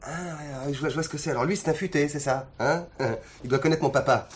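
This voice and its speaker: A man's voice: on the high side, fast talker, slight background noise, lightly acted. An actor playing a defiant militant man under arrest who mocks the police and preaches politics, in 1970s TV drama style. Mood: mocking. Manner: mocking, clowning, preachy.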